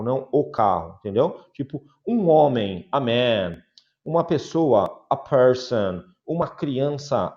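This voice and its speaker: Lively Brazilian man teaching English slowly. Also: mid-range voice, highs cut off. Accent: Brazilian Portuguese. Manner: slow, careful modeling of English example sentences; repetitive drilling with frequent check-ins. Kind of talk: online English grammar lesson.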